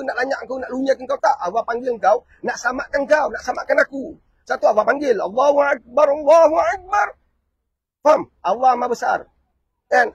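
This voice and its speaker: A man's voice: very high-pitched, breathy edge, dry recording, highs cut off. A man with a Malaysian Malay accent, giving a fiery family-themed preaching talk full of rhetorical questions. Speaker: motivational family speaker.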